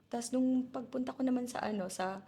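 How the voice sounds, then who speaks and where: Loud, lively woman teacher from the Philippines. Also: on the high side, normal speed, a little hiss or hum. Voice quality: loud, strong voice. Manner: lively, laughs easily, mixes in English. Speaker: teacher guest. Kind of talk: casual interview chat.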